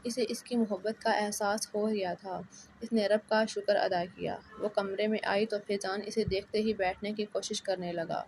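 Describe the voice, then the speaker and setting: A woman narrating a romance novel in a measured, even reading. Her pitch sits in the middle and barely moves. A faint hiss lies under the voice.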